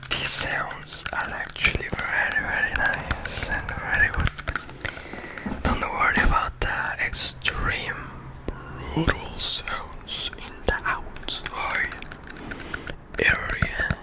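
A young man doing fast whispered ASMR very close to the microphone, repeating words in quick bursts. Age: young adult. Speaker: ASMR video creator. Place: indoor room at home. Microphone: desktop condenser microphone, very close.

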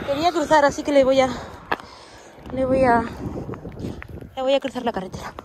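A woman's voice: high-pitched, normal speed. Chatty Spanish woman riding a trail, wind-blasted. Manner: chatty and excitable, with many exclamations. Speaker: mountain bike vlogger. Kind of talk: casual narration while riding. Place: outdoor trail, riding a bike. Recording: loud wind noise on an outdoor mic.

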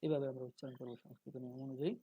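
A man giving a spoken lesson on pronunciation, slow and deliberate, drawing out syllables to demonstrate them. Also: mid-range voice, fairly even intonation, dark tone, husky, no room sound, low-quality recording. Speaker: religious teacher.

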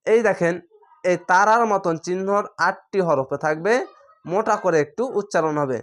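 A woman from Bangladesh teaching a step-by-step Quran reading lesson, sounding out each letter slowly and louder, with plain explanations in between. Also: fairly low pitch. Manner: slow, drawn-out letter pronunciation between explanations; sounds the letters out louder and more drawn out than her explanations.

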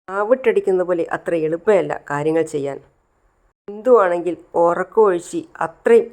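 A woman's voice: on the low side, darkish tone, lightly acted. Older grandmother, stern and lecturing, voiced by a woman. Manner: scolding, lecturing.

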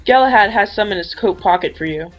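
A woman voicing Hanna, an excitable and teasing young man who hunts ghosts, in a fan audio drama. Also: medium pitch, fast talker, dull audio, soft background music, close to an everyday voice. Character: Hanna, cheerful young male ghost hunter.

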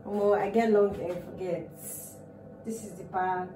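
A young woman with a Nigerian English accent talks to her vlog camera in a loose, rambling, self-mocking way. Her voice is mellow and sits back from the mic in a roomy space with a faint hiss behind it. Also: mid-range voice, steady tone, measured pace. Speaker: vlogger. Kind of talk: casual vlog chat to camera. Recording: roomy, distant sound with faint noise.

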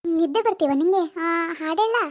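A woman's voice: very high voice, a little fast, a little mellow. A woman voicing a grieving young woman who believes she is still pregnant, childlike, dreamy and stubborn. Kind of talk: animated family drama voice acting.

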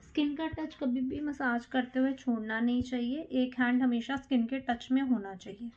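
A woman beautician calmly explaining a facial massage step by step in a salon, counting strokes aloud as she works. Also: high voice, moderate pace, highs cut off. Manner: calm, counts strokes aloud while working. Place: salon treatment room.

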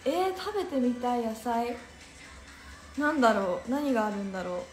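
Young woman, phone live stream host, casual chat, bubbly and laughing, higher voice, echoey room. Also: big pitch swings, moderate pace, faint music behind. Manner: bubbly, laughs often, chatty with the viewers.

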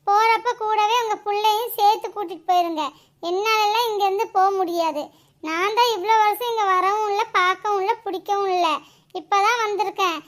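A woman's voice: extremely high pitch, a bit bright. A woman voicing a grown sister-in-law who is defiant, taunting and quarrelsome.

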